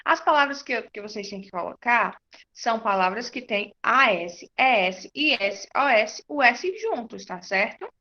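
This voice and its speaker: Lady teacher, kinda high bright voice, checks the kids' answers one by one. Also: lively intonation, muffled recording. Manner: slow, patient, stretching out words and confirming answers. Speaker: primary school teacher. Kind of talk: online class with children.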